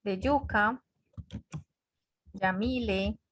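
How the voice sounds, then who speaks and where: Woman teacher, unhurried online grammar lesson, patient repeated explanations, dry close sound. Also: medium pitch, dry recording. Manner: patient, repetitive explaining with frequent check-ins. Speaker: English teacher. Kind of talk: online class lecture. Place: home office on a web conference.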